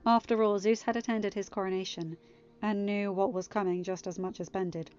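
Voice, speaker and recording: A woman with a steady, clean, mid-range voice reads a story aloud briskly as a podfic narrator and host, occasionally chatting casually with her listeners. The recording is dry and slightly muffled, with quiet music playing underneath.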